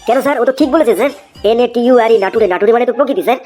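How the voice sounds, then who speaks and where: A cheeky village schoolchild, voiced by a woman in a cartoon comedy, chanting in a sing-song and eager to answer. Soft music plays underneath. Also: fairly high pitch, very fast, close to an everyday voice. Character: cheeky village schoolchild who reads English wrongly.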